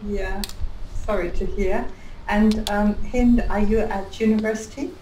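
A woman speaking as a guest on a video call, chatty and quick to laugh. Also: mid-range voice, steady tone, warm tone, slight background noise. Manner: chatty, laughs between phrases. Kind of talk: casual chat and self-introduction. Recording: roomy, distant video-call sound.

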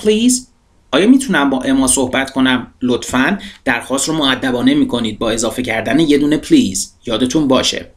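A man teaching English, a native Persian speaker with a Persian accent, saying English phrases slowly and explaining them quickly. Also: medium pitch. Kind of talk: language lesson.

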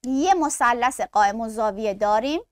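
Lady science teacher, pretty high voice, keeps asking then answering her own questions, dry sound. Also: animated, darkish tone, clear, resonant tone, no room sound. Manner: asks rhetorical questions and answers them herself; addresses students affectionately. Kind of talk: classroom lecture.

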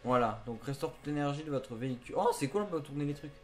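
A man's voice: mid-range voice, quick pace. A young man giving casual commentary while he plays a video game. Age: young adult. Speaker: let's player at the controls. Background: video game music.

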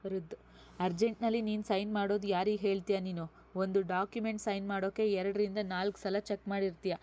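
A woman's voice: mid-range voice, level tone, fairly quick, darkish tone, close to an everyday voice. A woman voicing a stern older brother who accuses his sister with pointed questions, in a storybook reading on a dull lo-fi recording. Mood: accusing.

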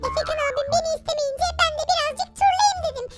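A very high, squeaky little girl, cheeky and always scheming her next prank. She chatters over loud, bouncy children's music in a game role-play skit. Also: quick pace. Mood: whiny.

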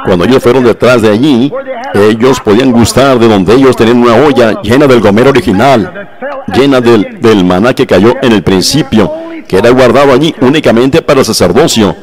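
A man with a medium-pitched voice delivers a translated sermon fervently, exclaiming praise and addressing his listeners directly. He slows down for emphatic phrases, speaking as a preacher.

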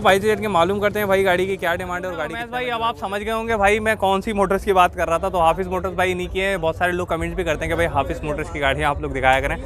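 This Pakistani car market vlogger, in his 20s, explains his way through an open-air market in a repetitive patter and stops for short interviews. His voice is high-pitched and a bit bright. A phone at arm's length records him over the bustle of market chatter.

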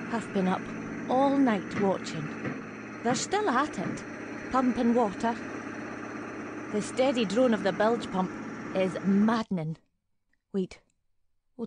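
In an audio drama monologue, an actress plays a suspicious, fretful older neighbour, brooding in clipped, deliberate fragments. Her mid-range voice is expressive, weary, and watchful, with heavy background noise.

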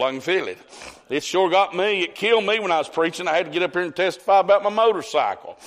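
A man's voice: on the high side, gravelly, fairly bright tone. A man preaching a folksy storytelling sermon, calling on congregants by name. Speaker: pastor. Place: church sanctuary. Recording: long church hall reverb.

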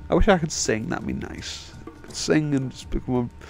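A young man, a video game let's player, rambles casually over game footage in a sweary, self-deprecating way, his voice tired from talking so long. His mid-range voice is expressive and creaky at a moderate pace, recorded on a microphone as voice-over. Game end-credits music plays behind him.

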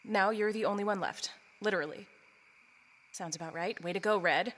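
A woman's voice: mid-range voice, moderate pace, fairly bright tone, lightly acted. A woman playing a flustered, sarcastic young woman in an audio drama. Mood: sarcastic muttering. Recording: noisy, slight hall reverb.

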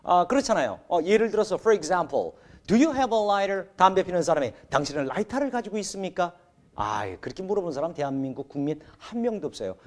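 A man hosting a televised English lesson, energetic and exclamatory, drilling phrases in Korean and English. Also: high voice, brisk. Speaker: host of an English lesson show. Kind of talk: animated TV lesson presenting.

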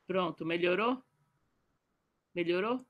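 A woman on a video call in an online book club, chatting casually and self-deprecatingly, and reading her own short poem slowly. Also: lowish voice, narrow, tinny audio. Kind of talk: casual online group chat. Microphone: computer mic on a video call.

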